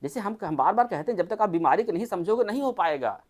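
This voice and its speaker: Doctor, mid-pitched, casual group health talk, keeps firing rhetorical questions. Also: expressive, quick pace. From Uttar Pradesh, India. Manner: chatty, asks the listeners many rhetorical questions.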